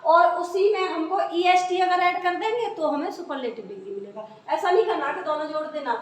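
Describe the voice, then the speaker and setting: A woman's voice: very high voice, a little fast. A woman teaching English grammar in a classroom lesson, spelling words out letter by letter and answering her own questions. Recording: echoey room, voice from far off.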